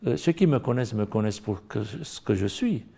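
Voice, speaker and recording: A middle-aged man with a Romanian accent speaks in a Bible study discussion, his voice dark and mellow with a gravelly edge. He talks earnestly and builds to emphatic stress on the points he cares about. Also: lowish voice, expressive, fairly quick.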